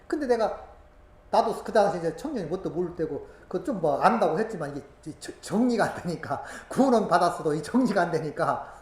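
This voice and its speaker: A woman preaching a sermon full of personal testimony, swinging from hushed asides to loud, emotional exclamations. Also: fairly low pitch. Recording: roomy echo, faint background noise.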